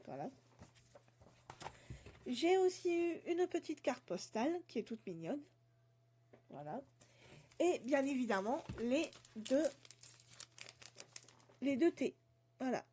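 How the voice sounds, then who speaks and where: A woman with a high, soft and mellow voice chats casually as a book vlogger. She hesitates often, filling pauses and restarting phrases. Now and then she reads a blurb aloud. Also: big pitch swings, slight background noise. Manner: hesitant, many fillers and restarts. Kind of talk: casual book haul chat.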